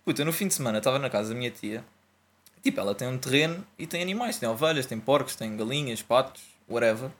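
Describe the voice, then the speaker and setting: A man's voice: mid-range voice, expressive, quick pace, a bit bright. A young man with a European Portuguese accent hosting a casual podcast chat in slangy, profane language. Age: young adult. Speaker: podcast host.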